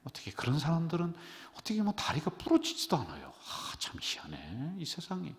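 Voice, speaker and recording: A middle-aged male pastor with a worn, subdued voice, preaching a sermon with emotion and swinging between loud exclamations and hushed whispers. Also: a little high, huge pitch swings, brisk. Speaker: senior pastor. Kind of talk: sermon at a midweek prayer service. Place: church sanctuary. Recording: long reverb of a church sanctuary.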